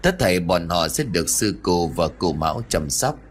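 A man voicing a calm older male monk master who speaks in a measured, instructive way, in an audiobook ghost story. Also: low-pitched, a little hiss or hum, voice pushed down. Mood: steady.

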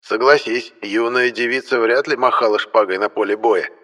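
A man's voice: mid-range voice, steady tone, moderate pace, a bit bright, pitched above the performer's own voice, lightly acted. A male narrator voicing a genial, courteous elderly antique dealer who explains things at length. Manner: courteous, lecturing, pleased with himself.

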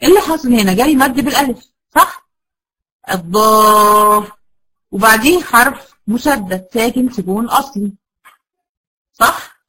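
A woman with an Egyptian Arabic accent teaching a class in Quran recitation, often asking questions and answering them herself, and drawing out key terms slowly. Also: on the high side, expressive, fairly bright tone, slightly rough, rough recording. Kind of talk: classroom lecture.

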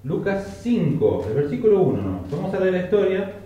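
A man's voice: sits high, very animated, brisk, warm tone, a little hiss or hum. A man preaching a conversational sermon, with joking asides and rhetorical questions. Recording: echoey, distant, dull lo-fi recording.

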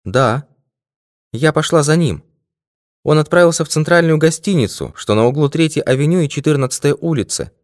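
A man's voice: a little high, fairly quick, dry recording, clean studio sound, voice pushed up, close to an everyday voice. A male audiobook reader voicing an anxious, earnest young woman in a raised voice. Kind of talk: audiobook character voice.

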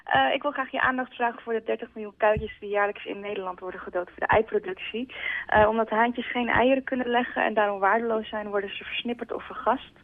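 A woman who speaks for an animal-rights group leaves a voicemail message, reading a prepared appeal in an earnest, steady way with small hesitations. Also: on the high side, fast, phone-quality sound. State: leaving a voicemail message by phone.

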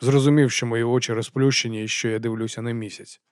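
Man narrating a quiet fantasy audiobook. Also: mid-range voice, steady tone, fast, no room sound, studio quality.

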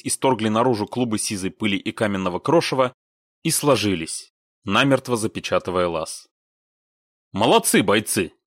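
A man reading a science-fiction war story aloud in a steady, even storytelling voice. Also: fairly low pitch, dry recording, studio quality. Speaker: narrator. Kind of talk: audiobook reading.

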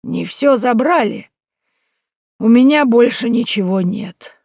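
A woman voicing an elderly village woman over 60, detached and then mockingly knowing, with a slow, rattling voice. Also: on the high side, lively intonation, gravelly, darkish tone, no room sound, clean studio sound, voice pushed up, heavily acted. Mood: indifferent. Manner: slow, drawn-out delivery.

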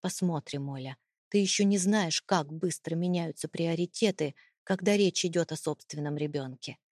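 A woman's voice: low voice, moderate pace, a little mellow, dry recording, clean studio sound. Woman voicing an icy, mocking husband. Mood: cold menace. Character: cold, contemptuous, domineering husband, adult man. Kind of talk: audiobook character reading.

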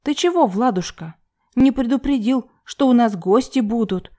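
A woman voicing a shabby, cheery drunk mother who speaks high and gushing. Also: normal speed, warm tone, lightly acted.

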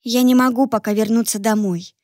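A woman's voice: fairly high pitch, steady tone, a little fast, darkish tone, dry recording, studio quality, natural voice. A woman voicing a resolute young daughter, earnest. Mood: pleading. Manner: earnest, pleading.

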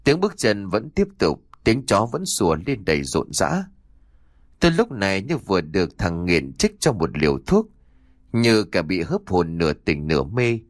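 Man, low voice, lively intonation, dry close sound, horror story narration. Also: dry recording. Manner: slow, dramatic storytelling. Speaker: audiobook narrator.

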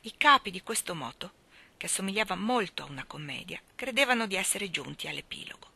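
Woman, audiobook reader, historical memoir, dramatic delivery, hushed whispers and emphatic peaks, bright tense tone. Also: medium pitch, no echo. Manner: dramatic, shifting between hushed near-whispers and raised emphatic passages.

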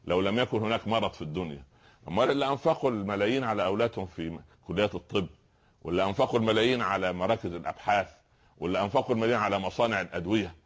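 Egyptian male preacher, quick and lively sermon voice, sits low in pitch. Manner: fast, animated storytelling preacher with rhetorical questions.

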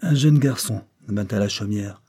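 A man narrates a classic novel in a low, dark and mellow voice. His tone is husky rather than clear, and he lifts his pitch to play the courtroom questioners. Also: normal speed. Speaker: audiobook reader.

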